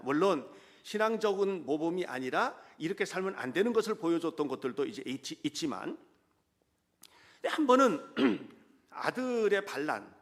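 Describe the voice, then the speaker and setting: A male pastor preaches with dramatic delivery. His fairly high voice moves through very lively pitch swings. He drops to near whispers and then builds to loud, urgent exhortation. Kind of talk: sermon.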